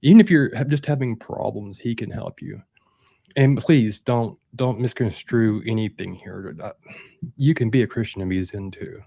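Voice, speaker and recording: A man's voice: lowish voice, normal speed, creaky, warm tone, no echo, studio quality. A man speaking as a guest on a casual interview, emphatic and full of stumbling restarts and repeated words. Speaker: guest, mental health coach.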